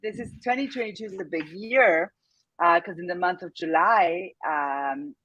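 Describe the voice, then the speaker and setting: This Argentine business owner in her fifties speaks at normal speed with a lowish, slightly bright voice and an Argentine Spanish accent; the recording has its highs cut off and a little hiss or hum. As an interview guest she reflects candidly, laughing often and leaning on many fillers.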